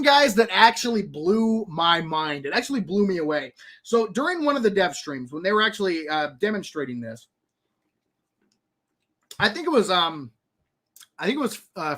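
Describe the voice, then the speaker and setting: A man hosting a live stream, reading game patch notes and rambling through them with lots of fillers, restarts and excited asides. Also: high voice. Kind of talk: casual commentary.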